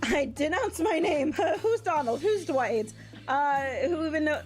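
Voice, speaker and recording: A young woman streamer with a high voice that swoops up and down as she chats with her viewers. She laughs often and curses freely. Faint game music plays quietly behind her. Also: expressive, unhurried. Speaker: VTuber streamer. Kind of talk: casual livestream chat.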